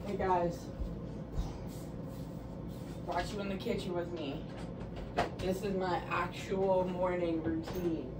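A woman in her thirties vlogs casually to camera from the bedroom and kitchen of her small apartment, frank and chatty, saying "like" and "guys" constantly. Her voice is lowish and level, slow, with long pauses. The camera sits a few steps away, so the sound is distant and echoey with background noise.

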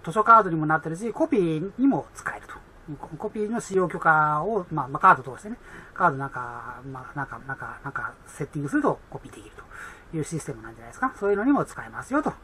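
Woman, English exam tutor, chatty, bright tone, lowish pitch. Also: breathy edge. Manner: chatty, many fillers, reads English slowly. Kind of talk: explaining an English reading test.

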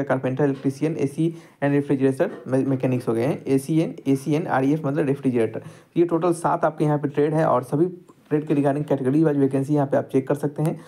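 A man's voice: on the high side, warm tone. A man tutoring students over a screen-recorded lesson, explaining step by step and addressing them directly. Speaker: exam tutor.

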